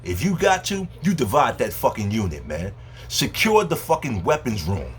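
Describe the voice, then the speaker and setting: A man's voice: medium pitch, wildly swooping pitch, moderate pace, soft background music. A man delivering a heated, profane monologue to camera as a video host. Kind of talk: angry ranting monologue.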